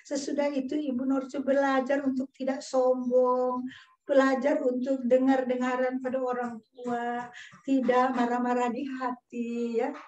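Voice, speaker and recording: A woman's voice: high-pitched, level tone, a little slow, darkish tone. A middle-aged woman giving a storytelling sermon to young children as their worship teacher. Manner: storytelling, speaks to children, acts out quoted voices. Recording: dull, echoey room sound.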